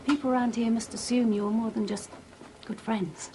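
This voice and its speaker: A woman's voice: a little high, steady tone, normal speed, warm tone, close to an everyday voice, rough recording. An actress playing a tactful but probing confidante in a naturalistic TV soap, a woman, with slight noise behind. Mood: gently probing. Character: gently prying woman confidante. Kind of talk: naturalistic TV soap drama acting.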